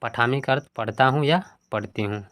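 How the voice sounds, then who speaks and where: A man's voice: mid-range voice, a little fast, a bit bright. A man teaching a textbook lesson who puts each question to his students and then answers it himself, reading word forms out one by one.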